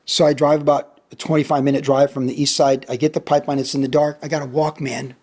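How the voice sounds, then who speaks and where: His pitch is fairly high but his delivery is flat, quick, and slightly rough, with a darkish tone. He's a man in his sixties from the US, a former pro surfer turned pastor, animatedly telling a vivid story in a podcast interview and repeating lines for emphasis.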